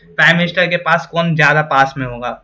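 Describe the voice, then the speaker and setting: A man teaches grammar in a bright, forceful voice that sits a little high. He keeps asking questions and answering them himself. He slows right down to read each example sentence. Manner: reads English example sentences very slowly. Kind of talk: classroom-style grammar lesson.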